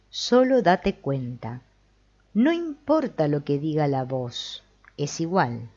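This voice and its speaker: A woman's voice: low-pitched, a little mellow, highs cut off. A woman giving a reflective spiritual talk, commenting on a text she reads and asking the listener questions. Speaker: spiritual teacher.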